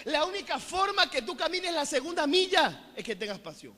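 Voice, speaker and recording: A man with a Venezuelan accent preaching a sermon as a pastor. He is energetic and joking, and often calls out to the congregation to keep them engaged. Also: extremely high pitch, normal speed. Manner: playful, mixes jokes into preaching. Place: church hall. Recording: echoey hall with faint music behind.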